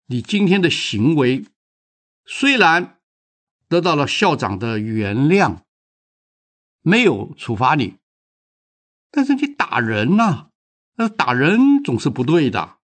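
A man's voice: a little high, big pitch swings, slow, long pauses, a bit bright, heavily acted. A man voicing a stern middle-aged father who firmly lectures his daughter in a storybook reading. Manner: lecturing, firm.

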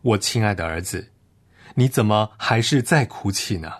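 A man voicing a loving, gentle father in a parable, speaking tenderly. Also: lowish voice, lively intonation, normal speed, pitched below the performer's own voice. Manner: tender, soothing.

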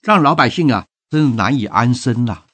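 A man's voice: mid-range voice, normal speed, husky. A man voicing a timid, frightened old village man in a told folk tale. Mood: grave. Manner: lively storyteller's voice for a fearful elder.

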